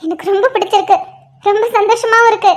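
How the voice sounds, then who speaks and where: A woman's voice: extremely high pitch, fast. A woman voicing a young wife in a cartoon, whiny and tearful at times, bubbly and delighted at others. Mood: happy. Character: young wife, emotional, sulky then joyful. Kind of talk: cartoon dialogue voice acting.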